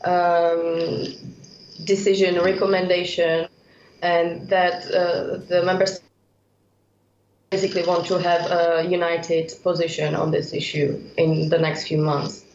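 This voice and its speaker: Low, flat-voiced Czech woman analyst, halting with fillers, over an echoey, muffled video link. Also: a little hiss or hum. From Czech Republic. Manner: halting, heavy use of uh fillers. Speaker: political analyst. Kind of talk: remote expert commentary. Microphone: video call.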